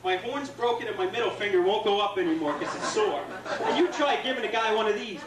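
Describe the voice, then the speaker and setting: A man works a club stage with a brash, profane stand-up set, his voice pitched high. He is caught from a distance in a roomy, echoing space. A packed audience roars with laughter around him. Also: quick pace, crowd noise. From New York. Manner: brash, profane, punchy delivery. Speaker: stand-up comic. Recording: echoey club recorded from a distance.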